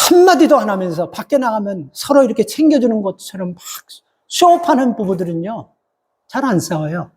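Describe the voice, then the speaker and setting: A man, a pastor, preaching a Sunday sermon in an emphatic manner, talking straight to the congregation with rhetorical questions. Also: darkish tone. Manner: acts out biblical quotes with rising, heated pitch.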